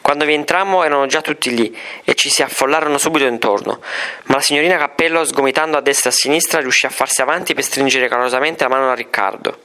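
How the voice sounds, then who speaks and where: A man reading a story aloud with expressive, measured narration. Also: medium pitch. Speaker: audiobook narrator.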